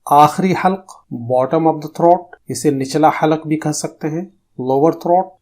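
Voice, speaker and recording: Male teacher, somewhat high voice, patient explainer who stretches sounds out for practice. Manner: explains calmly, then drags out demonstration syllables slowly. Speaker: tajweed teacher. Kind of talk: recorded lesson.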